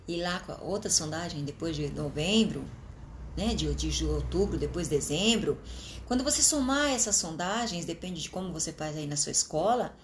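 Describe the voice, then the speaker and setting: A woman with a Brazilian Portuguese accent giving an informal talk to fellow teachers, checking in often with quick tag questions and drawing words out slowly for emphasis. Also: medium pitch, a little hiss or hum. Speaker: teacher trainer.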